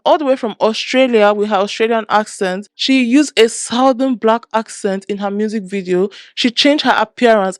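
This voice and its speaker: A woman's voice: a little high, dry recording, studio quality. A woman hosting a commentary video, talking in a conversational, emphatic way. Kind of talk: scripted commentary.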